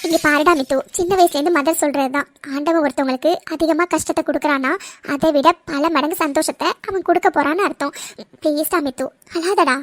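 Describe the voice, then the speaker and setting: A woman's voice: sits high, fairly quick. A woman voicing a caring middle-aged orphanage mother who soothes and coaxes. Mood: soothing. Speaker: narrator voicing all figures.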